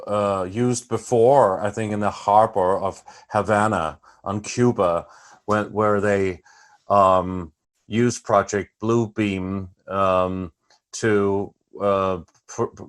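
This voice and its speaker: A male interview host with a somewhat low voice. His questions run long and wind around, with frequent restarts and self-corrections.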